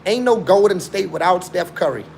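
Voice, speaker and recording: A young man born in Chicago and raised in South Africa hosts a relaxed live stream, arguing insistently with lots of slang and repetition. His high, gravelly voice is animated and moderately paced, carrying a little hiss or hum.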